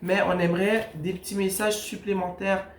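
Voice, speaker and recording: A woman doing a casual tarot reading, talking straight to the viewer and softly calling on the universe for messages. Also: mid-range voice, moderate pace. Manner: speaks straight to the viewer, calls on the universe in soft pleas. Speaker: tarot card reader. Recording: echoey room with steady background noise.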